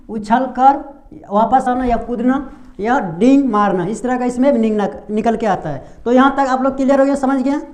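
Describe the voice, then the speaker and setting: At the board, a young man explains English pronunciation in Hindi, repeating key sounds and regularly answering his own questions. He has a very high voice with a darkish tone.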